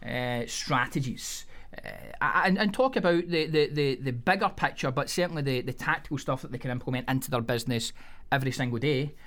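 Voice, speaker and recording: A man's voice: medium pitch, fairly quick, fairly bright tone. A man hosting a business podcast, introducing and interviewing in a conversational way.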